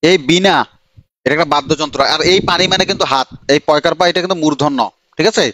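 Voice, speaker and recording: Young guy teaching online class, talks fast, teases students by name, kinda high voice. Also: a bit bright, no echo. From Bangladesh. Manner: chatty, teasing, calls on students by name. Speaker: admission coaching teacher. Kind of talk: live online grammar class.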